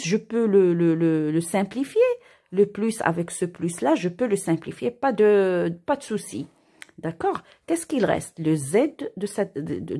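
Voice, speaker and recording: A woman's voice: mid-range voice, dark tone, breathy edge. A woman teacher working through an exercise step by step, patiently repeating herself and asking and answering her own questions as she writes on paper. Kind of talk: step-by-step math and physics lesson.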